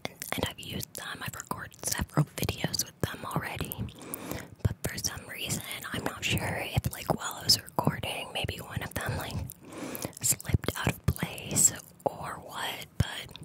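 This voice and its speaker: A woman hosts a breathy, whispered ASMR ramble right up against the microphone, lingering on words and often repeating them in strings. Her pace is a little slow, and the recording sounds rough.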